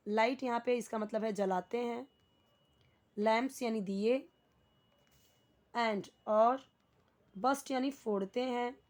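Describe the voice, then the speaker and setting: A young adult woman teaching English grammar, who reads English sentences slowly and then explains each word in Hindi. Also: on the high side.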